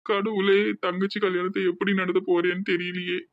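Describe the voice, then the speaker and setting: A man's voice: sits high, completely flat delivery, normal speed, no echo, phone-quality sound, close to an everyday voice. A man voicing a distraught young village man with a Tirunelveli accent, talking in an anxious, pleading, tearful way in a cartoon. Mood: despairing. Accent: Tirunelveli Tamil.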